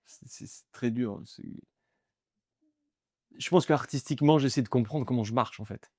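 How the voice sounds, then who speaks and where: A young man talks openly in a relaxed interview, often restarting and repeating himself as he searches for words. His voice sits in an ordinary middle pitch, and the recording is dry and close. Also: normal speed, dry recording. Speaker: guest, aspiring comedian. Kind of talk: casual interview chat.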